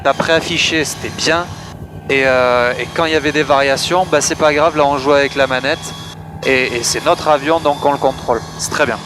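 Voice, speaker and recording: A man's voice: mid-range voice, steady tone, a little fast. A man coaching informally as a flight instructor on a pilot headset intercom, explaining things in a reassuring way. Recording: clear aircraft engine noise. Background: aircraft cockpit noise.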